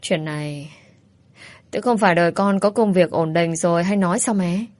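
A woman's voice: on the low side, normal speed, a little mellow, no room sound, lightly acted. A woman voicing a bold young woman who talks bluntly and playfully. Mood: pleading. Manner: blunt, teasing.

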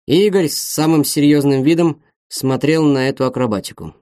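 A man narrating an audiobook in a wry, brisk manner. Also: fairly high pitch, a little mellow, no echo, studio quality. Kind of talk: scripted narration.

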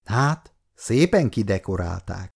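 A man's voice: on the low side, sing-song, vocal fry, slightly rough, exaggerated voice. A male reader voicing a dry, matter-of-fact grown brother. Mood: wry. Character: wry grown brother, helpful.

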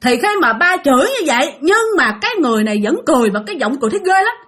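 High-voiced woman telling a ghost story. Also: big pitch swings, racing, a bit bright. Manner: chatty, addresses listeners directly.

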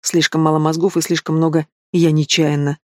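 Guy reading a cruel cynical young man in a storybook, cold and sneering, a bit high voice, dry close sound. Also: little pitch movement, fairly quick, dry recording, natural voice. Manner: cold, mocking, threatening.

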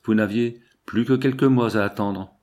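A man's voice: on the low side, steady tone, moderate pace, a little mellow, natural voice. A man voicing a kindly prison pastor who speaks in a fatherly, lamenting way. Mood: sorrowful.

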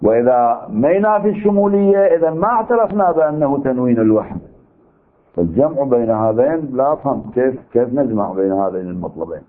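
A man's voice: medium pitch, sing-song, fast. A man with an Iraqi Arabic accent teaching a seminary lecture on legal theory, arguing his point through rhetorical questions. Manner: argumentative, poses rhetorical questions. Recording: tinny narrow-band recording.

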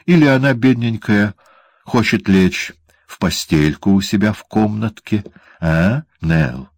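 A man's voice: on the low side, very animated, a little slow, dry recording, voice pushed up, exaggerated voice. A cruel, gleeful dwarf, as a male reader puts him on, barking and snarling in a raised, strained voice that leaps all over. The audiobook voice is recorded dry and close. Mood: gloating. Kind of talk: audiobook character voice.

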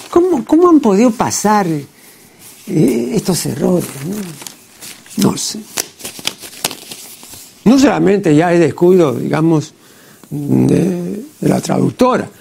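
A TV host comments from the studio on mistakes in a translation, speaking in a deliberate, pedantic way and often ending with a questioning "¿no?" or dropping in "pues." His voice is high, creaky and mellow. The TV program audio carries slight background noise.

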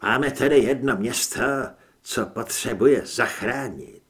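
A man's voice: mid-range voice, lightly acted. A man voicing a weary adult monster hunter who speaks in a tired, resigned way in an audiobook. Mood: gruff.

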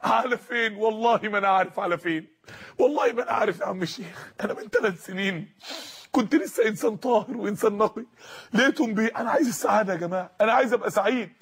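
A male preacher voicing a troubled young man who stammers and pleads, in a husky, high voice. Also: racing. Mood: pleading.

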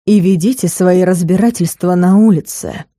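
A woman voicing a stern, weary male academy rector in an audiobook, speaking slowly and coldly. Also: fairly low pitch, warm tone, no echo, clean studio sound, lightly acted. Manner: slow, measured, icy. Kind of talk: audiobook character voice.

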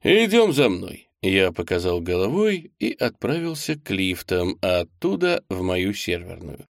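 Man, audiobook narrator, first-person, lower pitch, close dry sound. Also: sing-song, moderate pace, gravelly, dry recording.

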